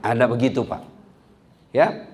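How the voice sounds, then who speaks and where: A middle-aged man, giving a humorous sermon that swings from loud to soft. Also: mid-range voice, unhurried, a little hiss or hum. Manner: lively, acts out quarrels in a raised voice, swings from loud to soft. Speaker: preacher.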